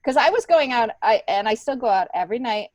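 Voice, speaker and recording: A middle-aged American woman, a stand-up comedian in an interview, tells stories casually with animated, emphatic delivery. Her voice is a little high and fast, and the recording has no echo.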